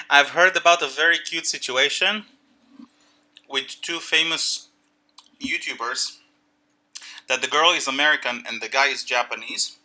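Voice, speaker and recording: A man chatting casually on a livestream, greeting viewers and explaining things haltingly with many fillers. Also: medium pitch, bright, forceful tone. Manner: greets chat viewers by name.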